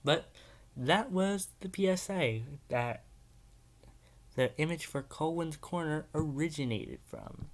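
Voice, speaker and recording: A man's voice: a little high, sing-song, slow pace. A man hosting a casual video reaction, rambling and hesitant, with many filler words. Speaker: YouTube reaction host.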